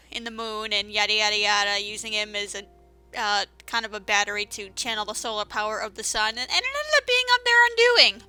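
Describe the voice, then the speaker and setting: A woman's voice: mid-range voice, bright, forceful tone, smooth, no room sound. A woman giving casual, rambling commentary over a game playthrough, with many fillers and restarts. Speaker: let's-play commentator.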